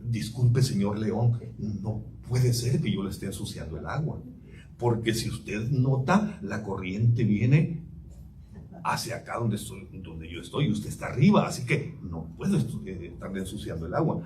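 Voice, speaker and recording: A man's voice: mid-range voice, normal speed, mellow, natural voice. A man voicing a timid young male fawn who answers apologetically, recorded from a distant mic with faint room noise. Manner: trembling, apologetic.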